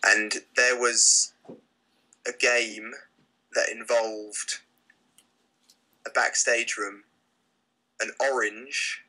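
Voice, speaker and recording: A young British man, a rock band's lead singer, answering interview questions in a relaxed way with many fillers and restarts. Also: medium pitch, extremely slow, pauses often, rough recording. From Britain. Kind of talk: casual interview.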